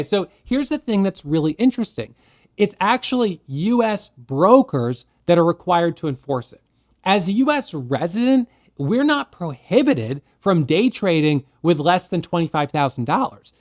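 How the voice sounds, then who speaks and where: A man who teaches day trading, explaining a rule in a plain, conversational way and asking rhetorical questions as he goes. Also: high voice. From United States. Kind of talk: explanatory talk to camera.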